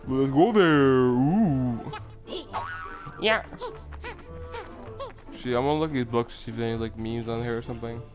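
A man commentates casually over clearly audible game music, his speech a little slurred, as if numb from the dentist. His voice sits at a middling pitch. He rambles, repeats himself and swears freely as he plays. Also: normal speed, pauses often. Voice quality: slightly slurred speech from a numb mouth after dental shots. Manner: rambling, repetitive, profane. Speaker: video game player hosting an episode series. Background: video game music.

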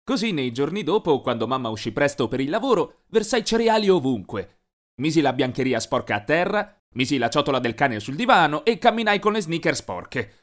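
A man narrating an animated teen story in a lively, mischievous storytelling voice. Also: a little high, brisk.

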